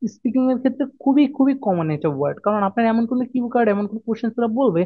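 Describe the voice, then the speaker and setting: Brief: male teacher, rapid delivery, repetitive, asks then answers his own questions; dull dry lo-fi sound. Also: very high voice, animated, no room sound. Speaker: IELTS vocabulary teacher. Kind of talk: explaining a lesson to students.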